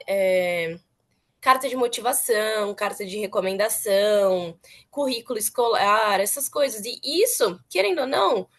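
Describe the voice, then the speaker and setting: A young woman chatting earnestly as an interviewee, repeating words for emphasis. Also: medium pitch. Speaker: former student interviewee. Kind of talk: casual interview chat.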